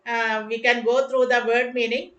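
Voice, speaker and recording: A woman with a Malayalam accent giving a scripture lecture as a devotional speaker, halting as she searches for words. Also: on the high side, level tone, a bit bright, highs cut off. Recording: echoey room sound.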